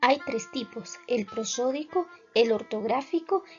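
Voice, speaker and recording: A woman teaching a recorded lesson, explaining in a clear, measured way. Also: a little high, lively intonation, a little mellow, highs cut off, soft background music.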